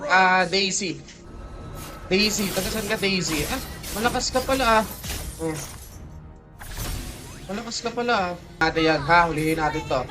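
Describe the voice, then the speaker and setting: A man from the Philippines giving casual, excitable gameplay commentary, teasing teammates and laughing often, his voice jumping high. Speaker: mobile game streamer. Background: game music.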